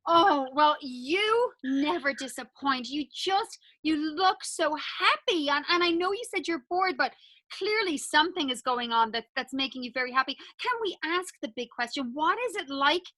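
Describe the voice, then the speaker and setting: A woman with a high, bright voice, hosting a video call for children. She is animated and sing-song, and she coaxes her young audience to join in. The sound is dry and close. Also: moderate pace, no room sound. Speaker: drama school teacher and host. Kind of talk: enthusiastic talk to children.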